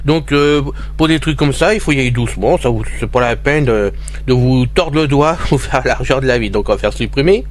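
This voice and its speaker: Speaking fairly quickly in a mid-range voice, a man walks his listeners through an informal tutorial one step at a time. He addresses them directly and describes what he's doing as he goes, over a faint hiss from the recorder.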